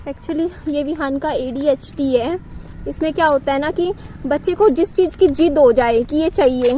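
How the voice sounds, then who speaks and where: A young mother gently coaxes and soothes her crying child, repeating short phrases, in a casual home vlog. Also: high voice, normal speed, noisy background. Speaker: mother and vlogger.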